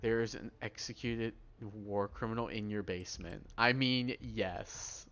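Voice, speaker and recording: A man giving casual, rambling playthrough commentary on a video game, with informal, halting asides as he plays. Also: lowish voice, fairly bright tone, clear, resonant tone. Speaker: gamer playing and commenting. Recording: dull microphone, faint background noise.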